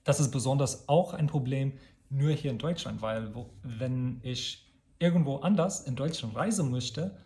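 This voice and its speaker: A man from the United States, a native English speaker, talks casually to his channel in halting non-native German with an American accent, often correcting himself as he searches for words. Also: medium pitch, dark tone. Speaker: video channel host. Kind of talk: casual personal vlog monologue.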